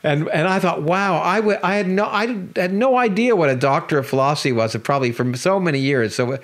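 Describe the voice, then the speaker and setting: A middle-aged man, hosting a podcast in a chatty way, quick to agree and laugh along. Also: fairly high pitch. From Canada. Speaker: podcast host. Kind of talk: casual interview conversation.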